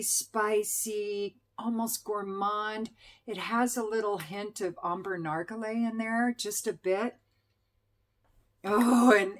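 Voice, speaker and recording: A middle-aged woman chatting enthusiastically as a perfume reviewer, with fillers and self-corrections. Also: medium pitch. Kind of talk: casual product review.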